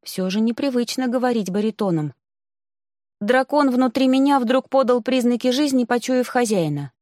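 A woman narrating a first-person fantasy audiobook in a lively, expressive manner. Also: fairly high pitch, moderate pace, no echo, clean studio sound.

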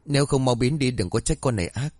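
A man voicing a coarse, jealous middle-aged village aunt who yells curses. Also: medium pitch, fast, no room sound, studio quality, close to an everyday voice. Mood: threatening. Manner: foul-mouthed, yelling curses.

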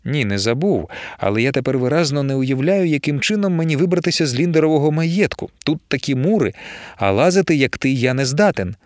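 Cautious, hesitant gentleman, read by a man. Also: a little high, expressive, brisk, no echo, studio quality, close to an everyday voice. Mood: worried. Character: nervous gentleman, cautious and unadventurous.

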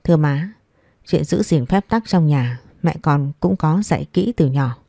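A woman's voice: deep voice, animated, gravelly, dark tone, dry recording, clean studio sound, exaggerated voice. A woman voicing a young daughter-in-law who answers politely but firmly. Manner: respectful, measured, firm.

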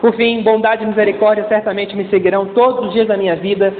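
High-voiced pastor preaching in an echoey hall. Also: male voice, steady tone, fast, slight background noise. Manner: conversational preaching with acted-out voices and call-and-response. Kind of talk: sermon. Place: church. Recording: echoey church hall over a tinny line.

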